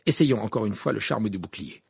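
A man voicing a brisk, bossy studious schoolgirl, speaking firmly with a husky, gravelly voice. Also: fairly low pitch, lively intonation, darkish tone, full character voice. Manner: brisk, firm.

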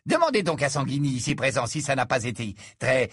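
A gushing, fawning male writer who flatters and sells in a lively, rising voice that leaps about, as a reader puts him on. The tone is a little husky, recorded dry and close. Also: medium pitch, brisk, no echo. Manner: effusive, flattering, salesy.

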